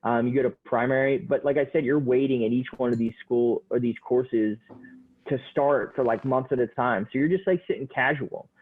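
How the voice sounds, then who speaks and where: A man in his thirties, a Marine pilot guest, talking in a laid-back way with lots of fillers in a casual podcast interview. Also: medium pitch. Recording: tinny phone-like line.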